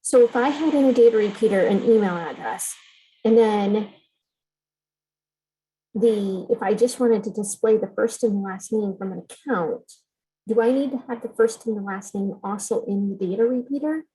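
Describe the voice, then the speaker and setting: A woman speaking as a remote attendee over a video call, asking a hesitant, halting question during a live Q&A. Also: mid-range voice, warm tone, slightly rough, poor audio. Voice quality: call audio breaking up at times. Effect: remote caller's voice over a video call. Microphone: computer or headset mic on a video call.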